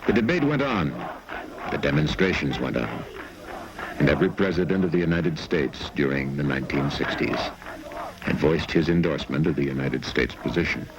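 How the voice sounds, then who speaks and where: Very deep-voiced documentary narrator. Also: male voice, expressive, moderate pace. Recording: crowd noise under narration.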